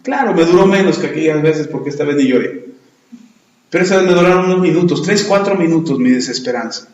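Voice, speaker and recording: A middle-aged pastor preaches with earnest energy and asks rhetorical questions. His voice sits a little high for a man. The sound rings with heavy reverberation from a church room. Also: fast, darkish tone, muffled recording. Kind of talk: sermon.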